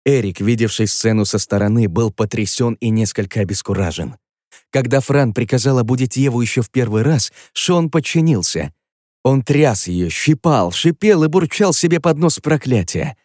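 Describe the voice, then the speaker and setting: A man reading a fantasy novel aloud as narrator, voicing every character himself in an even storytelling manner. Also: medium pitch, moderate pace, no echo, studio quality. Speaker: audiobook narrator.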